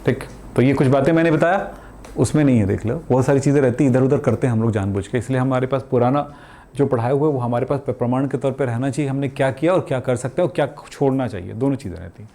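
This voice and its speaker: A man's voice: mid-range voice, fast talker, mellow. A middle-aged man teaching a chemistry lesson in a chatty way, asking and answering his own questions and using everyday examples. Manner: colloquial, calls students beta, jokes. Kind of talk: chatty classroom lecture.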